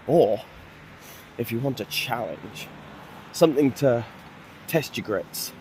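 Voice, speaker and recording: A man talking into a phone at arm's length while out on a walk. He rambles casually at a middle pitch, making jokes at his own expense and throwing in lively asides. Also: breathy edge. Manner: joking, self-mocking, lively asides. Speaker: vlogger. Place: outdoors on a walk.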